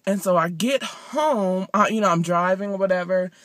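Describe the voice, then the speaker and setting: A woman's voice: medium pitch, normal speed, dry recording. Young woman vlogging, dry sound. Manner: animated, acts out other people's lines. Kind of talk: casual storytelling vlog. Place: outdoors near an apartment. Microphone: phone held by speaker.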